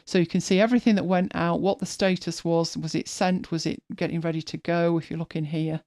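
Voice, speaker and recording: A woman's voice: on the low side, steady tone, brisk, darkish tone, no echo, studio quality. A woman hosting a live stream, chatting casually as she walks viewers through her screen, thinking aloud and often restarting her sentences. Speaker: host.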